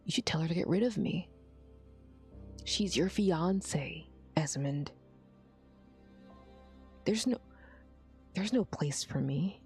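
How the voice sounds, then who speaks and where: A woman's voice: fairly low pitch, animated, slow, pauses often, darkish tone, faint music behind. A woman voicing a drunk, bitter, heartbroken young man who confesses in half-whispers while reading a story aloud. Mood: anguished.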